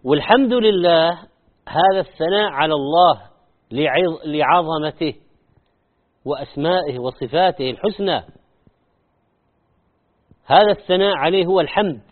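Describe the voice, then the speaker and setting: Man, religious teacher, lesson, demonstrates recitation by repetition, slightly high voice, tinny narrow sound. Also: moderate pace, long pauses. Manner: demonstrates wrong and right recitation by repeating phrases. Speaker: Islamic teacher.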